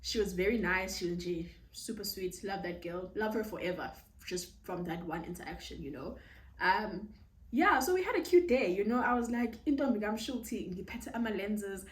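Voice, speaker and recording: A young South African woman with a South African accent, telling a casual storytime vlog, animated and code-switching as she acts out the dialogue. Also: fairly low pitch, moderate pace. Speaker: YouTuber. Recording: roomy, slightly distant mic.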